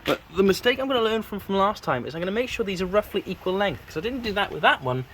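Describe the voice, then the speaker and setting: A man's voice: sits high, very animated, fast, fairly bright tone, a little hiss or hum. A man doing a casual, self-deprecating how-to narration while working on his car in a garage. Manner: chatty, self-deprecating, rambling. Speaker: car build vlogger. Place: garage workshop.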